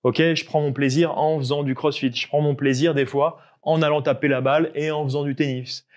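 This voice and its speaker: A young man fitness coach explaining tips to the viewer in a casual way, often checking in with a quick "ok?". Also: on the high side, steady tone, a little mellow.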